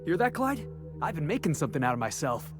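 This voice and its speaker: Animated brash young rebel crewman. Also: fairly high pitch, fast talker, music in the background. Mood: cocky. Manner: sarcastic, animated. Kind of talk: video game dialogue.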